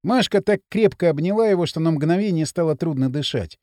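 A man narrating an audiobook with an expressive, dramatic reading. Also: fairly high pitch, brisk, dry recording, clean studio sound. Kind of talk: scripted narration.

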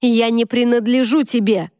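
A woman's voice: a little high, steady tone, normal speed, mellow, no room sound, clean studio sound, close to an everyday voice. A woman voicing a defiant young woman who speaks in raised, indignant outbursts. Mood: furious.

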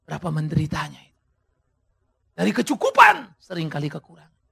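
A male preacher delivering a sermon in a high, sharply bright voice with heavy gravel running through it. He swings his pitch widely and breaks into sudden shouted emphases, speaking straight to his congregation. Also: wildly swooping pitch, fairly quick. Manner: addresses the congregation directly. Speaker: pastor.

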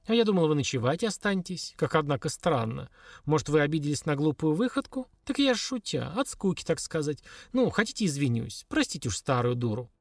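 A man's voice: fairly high pitch, big pitch swings, brisk, creaky, dry recording, clean studio sound, exaggerated voice. Man playing a pleading older hostess. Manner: imploring, fussy.

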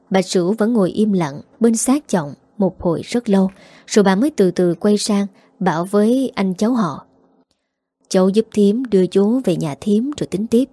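A woman's voice: medium pitch, no echo. Woman narrating an emotional life story. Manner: steady, emotive reading.

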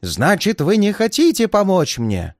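A man's voice: sits high, huge pitch swings, measured pace, darkish tone, no echo, clean studio sound, voice pushed up, heavily acted. A man voicing a frightened, paranoid old man who pleads in a shaky, tearful voice. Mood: frantic, fearful. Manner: frantic outbursts, near tears.

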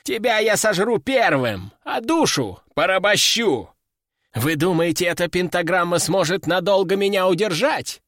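A man's voice: high voice, lively intonation, moderate pace, fairly bright tone, no room sound, clean studio sound. A man voicing a boastful, hungry male demon in an audiobook, snarling and mocking. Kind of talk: audiobook character voice.

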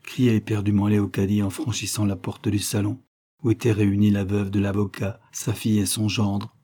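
A man narrates a nineteenth-century novella in measured, scripted reading. His voice is soft and dark with a slightly husky grain. He rises in pitch whenever a character speaks. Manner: reads calmly, lifting pitch for quoted speech. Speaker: audiobook reader.

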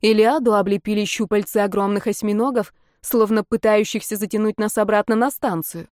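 A woman giving measured, expressive first-person audiobook narration. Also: medium pitch, dry recording, studio quality.

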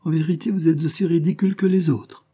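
A man's voice: mid-range voice, expressive, normal speed, dark tone, breathy edge. A man reading an audiobook, voicing a proud, capricious young noblewoman who talks in a mocking, imperious way.

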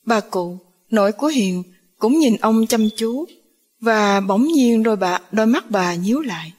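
A woman narrating an audiobook story in a steady, measured reading. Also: fairly high pitch, slightly rough.

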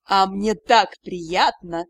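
Audiobook: woman doing a sarcastic teasing noble mage guy, lowered voice, dry close sound. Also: takes it slowly, no echo. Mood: mocking. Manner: sarcastic, drawling. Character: mocking aristocratic male mage, sarcastic, teasing.

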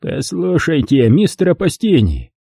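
A man voicing a weary security chief in an audiobook, measured and commanding, lifting his voice somewhat. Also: on the high side, very animated, vocal fry, mellow, husky, dry recording, studio quality, pitched above the performer's own voice, heavily acted. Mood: calm. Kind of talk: audiobook character voice.

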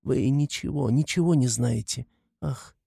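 A man's reading voice climbs higher to play a timid young woman, poor and pleading in anguish with soft, broken, flustered words. Under the lifted pitch his tone remains mellow and darkly edged, and the voice feels natural. It's recorded close and dry, with no echo.

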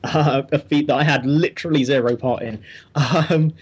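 A man co-hosting a podcast in loose, casual chat, with a wry and self-deprecating humor. His voice is slightly high for a man and has a husky edge. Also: steady tone, moderate pace, highs cut off. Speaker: podcast co-host.

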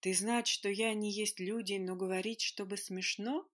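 A woman voicing a naive, friendly female dragon who asks wondering questions slowly in broken grammar. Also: medium pitch, fairly even intonation, fairly bright tone, natural voice. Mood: curious.

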